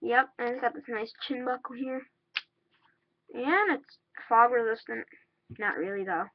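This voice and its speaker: A casual reviewer talking from behind a mask, voice muffled, rambling with lots of ums, recorded at home. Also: female voice, on the high side, unhurried, no room sound. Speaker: vlogger reviewing gear. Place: at home indoors.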